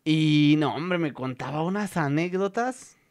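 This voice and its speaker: His voice is fairly high but unhurried: a young Mexican vlog host chatting casually. He tells stories with lots of slang and jokes, animated throughout, in a Mexican Spanish accent.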